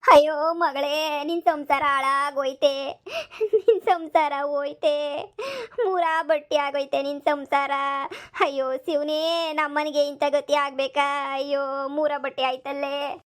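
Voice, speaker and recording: A woman's voice: a little high, flat delivery, natural voice. A woman voicing a wailing old village mother. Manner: slow drawn-out lament, crying. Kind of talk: cartoon comedy voice acting.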